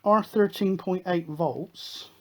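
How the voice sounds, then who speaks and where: A man's voice: high voice, takes it slowly. A British man hosting a hobby electronics video, talking through a hands-on demonstration in a chatty, matter-of-fact way.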